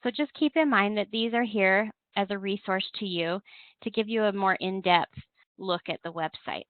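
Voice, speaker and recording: Speaking at a moderate pace in a medium-pitched voice, a woman walks through an instructional webinar as a compliance software trainer, one step at a time. No room sound is present, though the telephone conference call makes it thin and narrow-band.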